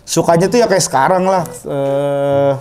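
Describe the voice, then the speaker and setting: A man's voice: on the high side, a little slow, a crowd in the background. A man, a stand-up comedian chatting casually and agreeably, often echoing and affirming. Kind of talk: casual chat with anecdotes.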